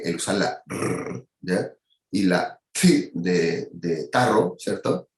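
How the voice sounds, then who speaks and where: A man delivers a university anatomy lecture in a fairly low voice. He explains step by step and keeps checking that his students follow along. The sound is roomy and echoey, as in a classroom. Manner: explanatory, peppers speech with "¿ya?" and "¿cierto?".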